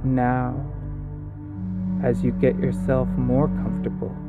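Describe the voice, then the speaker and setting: A man narrating a guided relaxation session in a calm, soothing manner with long pauses. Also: medium pitch. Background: calming guitar music.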